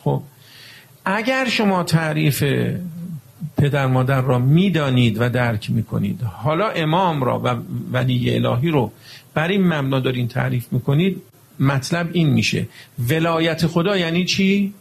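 Gravelly husky male preacher. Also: medium pitch, expressive. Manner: emphatic, rhetorical questions to the audience. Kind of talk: religious lecture.

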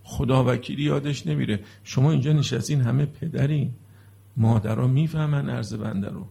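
A man's voice: medium pitch, gravelly, dark tone, breathy edge. A middle-aged man preaching a religious sermon to a seated congregation, moving from earnest explanation into mournful lament.

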